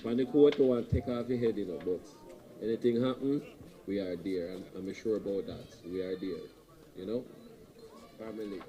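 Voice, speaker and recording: A man's voice: on the low side, moderate pace, warm tone. Jamaican man emceeing a wake. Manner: repeats words in threes, mixes in patois. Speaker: master of ceremonies at a wake. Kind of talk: casual ceremony hosting. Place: outdoor wake gathering.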